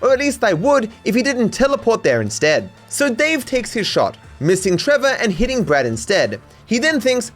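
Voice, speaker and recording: At a normal speed with few pauses, an Australian narrator reads his own scripted comedic video essay. His voice is high and very animated, his manner sarcastic and mock-serious, and soft music sits underneath.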